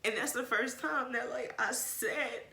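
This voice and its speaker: A woman vlogger with a slightly high, gravelly, bright voice speaks a little slowly and forcefully. She frankly recounts an emotional personal story in casual talk, swearing a lot and drifting into rambling asides, with a roomy echo on the recording.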